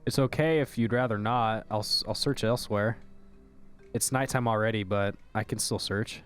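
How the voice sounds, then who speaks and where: A man's voice: lowish voice, moderate pace, clear, resonant tone, faint music behind, natural voice. A man voicing a polite, earnest android asking to stay as a roommate, reading a game script in fan voice acting. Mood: pitiful. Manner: formal, pleading.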